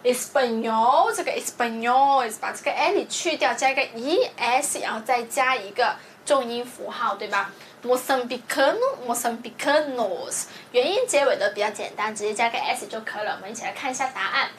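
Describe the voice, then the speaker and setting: With a fairly high, fairly bright voice, a female Portuguese teacher walks her students through a lesson review. She moves slowly and methodically, often pausing to check with "对不对", while a faint hiss or hum sits in the background.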